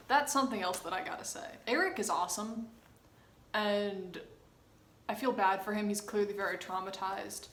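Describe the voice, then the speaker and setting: A woman's voice: medium pitch, a bit bright. A young woman hosting a casual reaction video, chatty and opinionated as she comments on a TV episode. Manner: chatty, opinionated, bursts into laughter. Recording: roomy room with faint noise.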